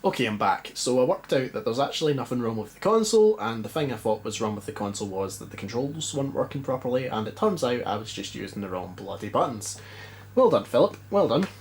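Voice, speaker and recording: A very animated, quick-talking Scottish man with a medium-pitched yet stuffy, congested voice vlogs about retro games. He's in a dim living room testing an old console, chatting casually, rambling and self-mocking.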